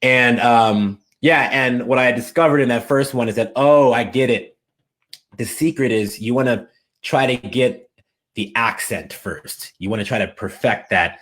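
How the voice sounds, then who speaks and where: A medium-pitched, unhurried male voice belongs to an American language coach appearing as an interview guest. He spins his stories casually and with animated enthusiasm.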